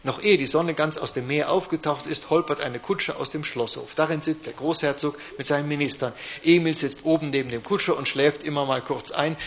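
Gravelly man reading a fairy tale. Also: medium pitch. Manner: lively, expressive reading. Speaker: storyteller. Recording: dull lo-fi recording.

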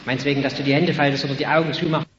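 A high-voiced man preaches with fervour, rising to ringing calls and dropping to hushed, earnest words. His voice carries through a large, reverberant hall. The recording sounds muffled and slightly hissy, like an old tape. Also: little pitch movement, very fast. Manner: emphatic, swings between loud calls and quiet earnest tones. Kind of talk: evangelistic sermon.

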